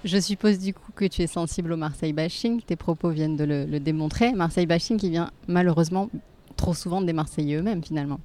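A woman interviewing a guest, asking short questions that keep the talk moving. Her voice sits fairly low. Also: fast, warm tone. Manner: brief, prompting questions. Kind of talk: radio-style interview.

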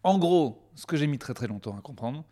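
A hoarse young man delivering a rambling, crude, joking comic monologue as a vlogger. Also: fairly high pitch, expressive, a little fast, warm tone. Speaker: comedy vlogger. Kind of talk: comedic monologue.

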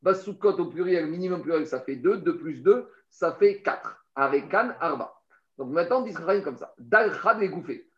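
Man, Talmud teacher, study lesson, step-by-step explaining, repeats words, slightly high voice, dull lo-fi sound. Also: lively intonation, normal speed, echoey room. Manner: explains step by step, addresses the listener directly; repeats words while searching for phrasing.

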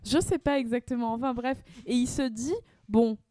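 A woman's voice: a little high, fairly even intonation, normal speed, dark tone, no echo, clean studio sound. A young woman co-hosting a casual podcast chat, rambling with many fillers and restarts. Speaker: podcast co-host.

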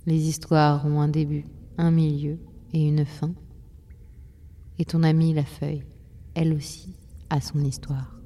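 A woman voicing Time, an old being living inside a stone, speaking softly, deeply and slowly. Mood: calm, slow. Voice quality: soft and deep. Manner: slow, calm, unhurried.

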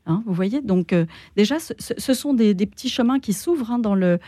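A woman speaks thoughtfully as a guest on a radio discussion, pausing to find her words. Her voice is mellow and warm. The sound is close and dry. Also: medium pitch, animated, dry recording.

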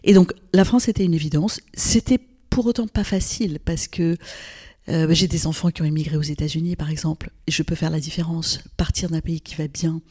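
Here a Lebanese gynecologist in her later years speaks as an interview guest in a low, husky, mellow voice, steady in tone and fairly quick. Her reflective talk is thoughtful yet full of pauses, hesitations and restarts.

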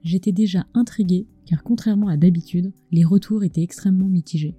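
Brisk and mellow, with a slightly rough texture, her voice sits on the low side over soft background music and no room sound. This culinary storyteller narrates her scripted podcast intimately close to a screened mic, right in the listener's ear.

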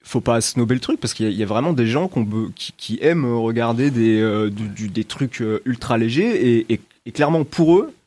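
A man talks through a film review in a loose, conversational way, often stopping, restarting and filling pauses. His voice sits at an ordinary middle pitch for a man. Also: expressive, warm tone. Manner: chatty, hesitant, many restarts and fillers. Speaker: film critic. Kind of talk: casual round-table film review.

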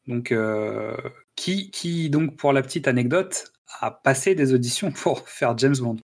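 A man's voice: mid-range voice, animated, unhurried. A man hosting a casual film-review podcast, talking with frequent hesitations and restarts. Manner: hesitant, many "euh" and restarts. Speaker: podcast host.

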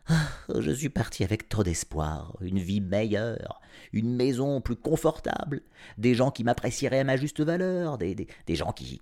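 A man reading an audiobook aloud, narrating as a grumpy cat in a sardonic, animated first-person voice. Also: on the low side. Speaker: storyteller.

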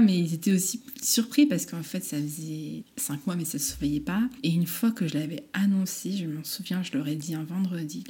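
Husky woman telling her story animatedly. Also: lowish voice. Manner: animated, acts out the voices in her story, laughs often. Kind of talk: candid personal storytelling.

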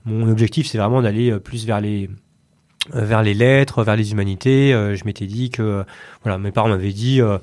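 Steady and darkish, his voice sits on the low side. He's a late-thirties chief executive from the Paris area with a Parisian accent, and as a podcast guest he answers questions loosely, hesitating, repeating himself and filling gaps with pauses.

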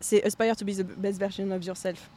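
A woman co-hosting a podcast in casual chat, animated and dropping English slang words into her talk. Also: mid-range voice, brisk. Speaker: podcast co-host.

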